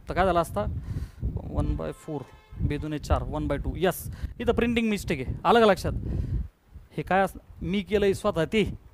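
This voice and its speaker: A male physics teacher, lecturing a class and coaxing his students with quick questions. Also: high voice, a little hiss or hum.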